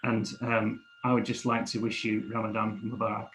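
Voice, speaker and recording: Even-toned man, earnest and halting. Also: fairly low pitch, rough recording. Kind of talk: speech of thanks and encouragement. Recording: faint background noise and hum.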